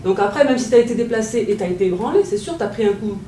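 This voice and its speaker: A woman in a group discussion, speaking quickly and encouragingly. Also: medium pitch, lively intonation, mellow, slight background noise. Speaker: discussion participant. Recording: distant echoey room.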